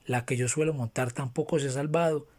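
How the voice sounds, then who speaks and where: A distraught wealthy merchant from an old tale, as a male audiobook reader gives him voice, crying out laments and pressing fearful questions. His pitch sits at an ordinary middle height, close to the reader's own. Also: fairly even intonation, fairly quick, darkish tone, close to an everyday voice. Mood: anxious. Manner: wailing laments and anxious questions.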